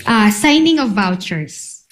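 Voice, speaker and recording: A woman's voice: mid-range voice, sing-song, slow pace. A woman with a Filipino accent speaking as a lawyer in formal cross-examination, putting leading questions methodically, item by item.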